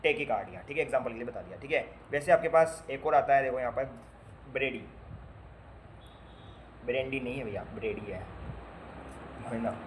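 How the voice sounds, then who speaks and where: Animated and a little fast, a medium-pitched male voice leads an informal lecture introducing nursing students to basic medical terms. He spells out the pieces of each word, repeats them, and quizzes the class with joking asides. Slight background noise is audible.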